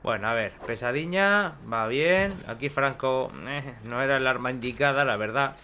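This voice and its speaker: A man giving chatty, excitable gameplay commentary with casual swearing. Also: medium pitch, moderate pace, slight background noise. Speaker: gaming video host.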